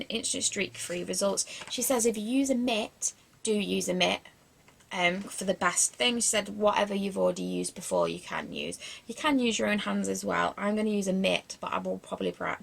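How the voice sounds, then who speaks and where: Chatty woman with vocal fry. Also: mid-range voice, a bit bright. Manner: rambling and chatty, lots of fillers and restarts; self-deprecating asides. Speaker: beauty vlogger. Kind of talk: casual product review chat.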